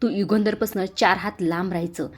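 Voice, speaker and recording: A woman voicing a harsh aunt who shouts and berates a younger woman, in a retold serial scene. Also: fairly low pitch, moderate pace, natural voice. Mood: scolding.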